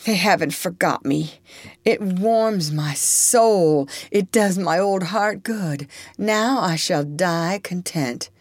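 A woman's voice: lowish voice, slow, no room sound, voice pushed up. A woman voicing a feeble dying old man. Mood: tender.

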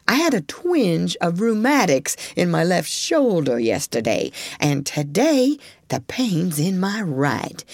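A woman voicing an old grandfather beaver who talks in a slow, folksy drawl. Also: on the low side, creaky, darkish tone, breathy edge, dry recording, heavily acted.

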